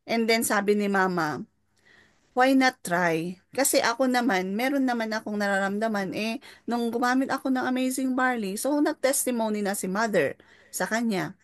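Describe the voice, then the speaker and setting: In clean studio sound with no echo, a middle-aged woman from the Philippines speaks at a moderate pace in a slightly high voice. Mentoring through her personal testimony, she politely blends English into Tagalog, with a Filipino accent and tag questions to listeners.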